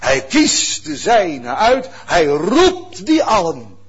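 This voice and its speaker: A pastor preaching a sermon in a lively, conversational way, rising sharply and dropping to near-whispers. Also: male voice, high-pitched, slow pace, husky, highs cut off. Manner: lively, conversational preaching with sudden loud rises and soft drops.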